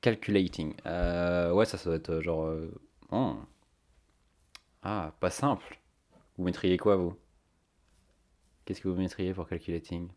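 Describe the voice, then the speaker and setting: A man's voice: sits low, fairly even intonation, unhurried, long pauses, a little mellow. A man chatting casually to his stream viewers, thinking aloud with many fillers on a cheap microphone. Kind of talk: casual live-stream chat.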